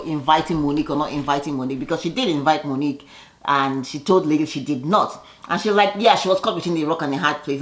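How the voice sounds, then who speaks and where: A woman's voice: deep voice, fairly bright tone. A woman hosting a reality TV recap in a casual, chatty way, with a sassy, gossipy manner and slangy asides. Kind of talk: casual chatty commentary, acting out quotes.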